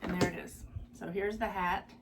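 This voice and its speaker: A woman hosting a casual craft tutorial, chatty and upbeat, a little hoarse, gushing over how cute things are. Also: fairly low pitch, steady tone, normal speed, far from the mic, very noisy. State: slightly hoarse.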